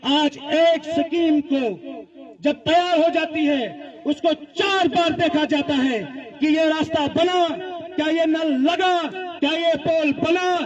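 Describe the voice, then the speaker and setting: Speaking slowly and steadily, a man with an extremely high voice addresses a gathered crowd at a political rally. His phrases are emphatic and repetitive, and the audio is dull and lo-fi with crowd sounds behind him.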